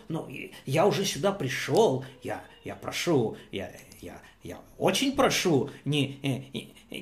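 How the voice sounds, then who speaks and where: Storyteller playing a stammering, pleading Bar Kamtza. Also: reverberant. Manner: stammering, begging, voice rising higher. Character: pleading, humiliated man thrown from a feast.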